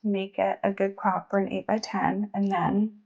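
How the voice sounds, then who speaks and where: A woman's voice: mid-range voice, little pitch movement, a little slow, vocal fry, dull audio, noisy background. Chatty woman vlogging from her art studio. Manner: chatty and self-deprecating, laughs often. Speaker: artist and small business owner. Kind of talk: casual studio vlog narration.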